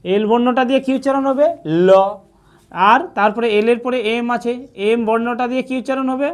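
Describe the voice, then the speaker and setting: A woman's voice: on the high side, steady tone, fast talker. A woman teaching a beginners' lesson, asking a question and then answering it herself, often repeating a short check-in phrase. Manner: repeats "ঠিক আছে" often. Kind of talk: scripted narration.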